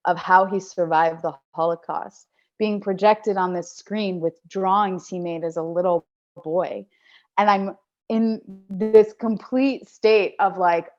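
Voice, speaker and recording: A woman guest on a podcast, telling a personal story in a lively, casual way with lots of fillers. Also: medium pitch. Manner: animated, fast storyteller with many "like" fillers. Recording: dull lo-fi podcast audio.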